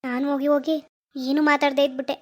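A woman's voice: high voice, little pitch movement, quick pace, no room sound, studio quality, close to an everyday voice. A woman voicing a worried, regretful young husband in a cartoon. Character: remorseful young husband Satish.

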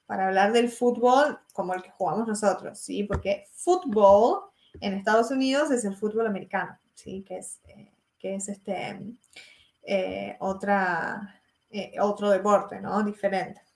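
A young Argentine woman with an Argentine Spanish accent teaches English in a live online class. Her mid-range voice has a darkish tone and sounds reverberant as she drills examples slowly and checks that students follow.

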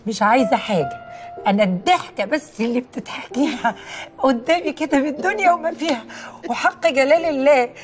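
A woman's voice: high-pitched, expressive, brisk. An actress playing a devoted adult daughter who speaks with heartfelt emotion to her mother in an Egyptian TV drama, with an Egyptian accent. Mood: pleading. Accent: Egyptian Arabic. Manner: pleading, heartfelt.

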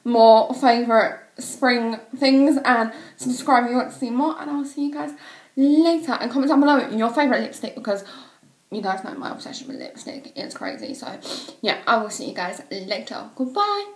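A woman's voice: on the high side, lively intonation, normal speed, roomy sound, rough recording. A woman chatting casually to camera about makeup, gushing and filling her talk with "like" and "um". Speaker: beauty vlogger.

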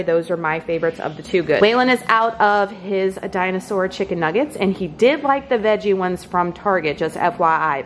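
An upbeat woman with a mid-range voice chats casually to her viewers while showing off a grocery haul in her home kitchen. There's a little hiss or hum on the recording.

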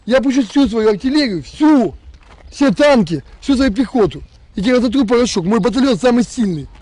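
Outdoors on a road, a man in his thirties from Donbas, a militia commander, angrily shouts threats and insults at someone over the phone. His voice is very high, expressive and fairly quick, with no room sound, picked up by a camera a few meters away.

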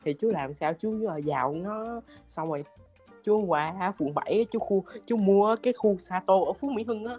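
A woman's voice: medium pitch, lively intonation, moderate pace, darkish tone, soft background music. A teenage girl from Vietnam chatting playfully and giggling on a video call. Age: teens. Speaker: chat partner. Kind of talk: casual video chat.

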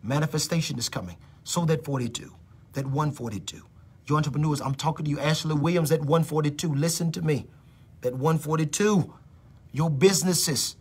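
A middle-aged man preaches prophecy live over his phone, repeating phrases and swinging between loud declarations and whispers. His voice is fairly high, husky and a little fast.

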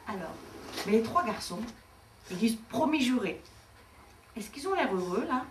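A woman's voice: a little high, lively intonation, normal speed. A woman teacher reading a picture book to small children, asking them questions in an encouraging, sing-song way. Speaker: preschool teacher. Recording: roomy room, far from mic, faint noise.

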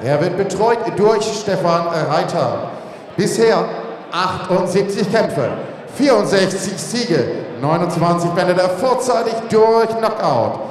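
A male ring announcer with a high voice delivers formal fight introductions. He draws names out like a showman in classic arena announcer style. His voice echoes through a big indoor arena with long reverb. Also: lively intonation, takes it slowly.

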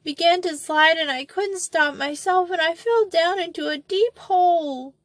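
A woman's voice: very high voice, a little slow, dry recording, pitched above the performer's own voice. A woman voicing a frightened little girl trapped in a pit, sobbing and pleading.

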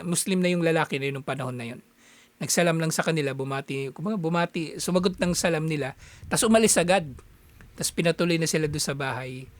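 A man's voice: a little high, no room sound. A man teaching a religious lesson as a casual story, in a chatty way that halts often to find his words. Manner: conversational, halting with frequent fillers. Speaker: Islamic teacher.

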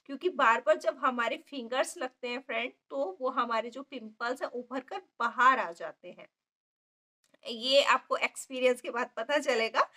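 A makeup artist in her forties with a sore throat gives casual beauty tips in a vlog, recorded on a phone camera held close in an indoor beauty parlour with a ceiling fan. Her high, bright voice moves at normal speed, chatty and instructive with many fillers, and she often asks viewers "okay?" between steps.

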